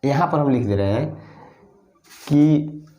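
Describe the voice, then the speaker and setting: A man teaching a Sanskrit grammar lesson, speaking slowly and repeating phrases as he writes on a board. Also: medium pitch, dark tone, reverberant. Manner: slow, repeats phrases while writing on a board.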